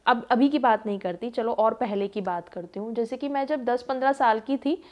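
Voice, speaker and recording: A woman's voice: fairly high pitch, normal speed. A woman in her thirties telling a personal story in a casual, chatty way, with many fillers and acted-out quotes. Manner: chatty, lots of fillers, acts out quoted voices. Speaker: vlogger.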